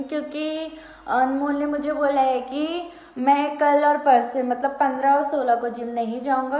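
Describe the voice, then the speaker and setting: Chatty young woman vlogging at home. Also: high voice. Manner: chatty, animated storytelling with repeated phrases. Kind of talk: casual home vlog chat. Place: at home, indoors.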